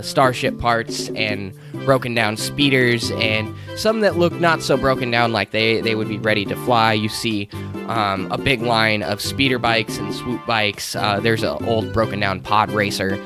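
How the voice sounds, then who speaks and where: A man narrating as game master, describing scenes with frequent ums and uhs. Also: medium pitch. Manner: descriptive with many fillers.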